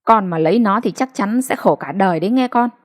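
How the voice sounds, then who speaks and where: A woman with a natural, mid-range voice performs an audiobook part, animated and a little fast, as a blunt, domineering old mother. The character scolds stubbornly and brushes off her daughter firmly.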